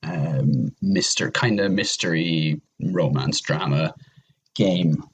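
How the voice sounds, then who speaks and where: Very deep and breathy, this man's voice moves slowly as he chats on a podcast as a guest. He rambles with enthusiasm about games he recommends, piling on one intensifier after another.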